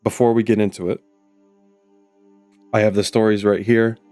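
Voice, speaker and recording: A man, still husky from getting over an illness, talks in a deep, lowish voice. He chats casually and excitably, swears freely and wanders off on tangents. Soft ambient music plays quietly behind him. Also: moderate pace, no room sound. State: voice rough from recovering from illness. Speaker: YouTube host reading Reddit stories. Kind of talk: casual reaction chat. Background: faint ambient music.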